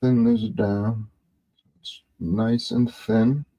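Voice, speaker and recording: A man teaching painting on a livestream in a gentle, husky, gravelly voice, murmuring short instructional phrases as he works. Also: lowish voice, flat delivery, drawn-out words, low-quality recording. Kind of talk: painting tutorial livestream, talking while working.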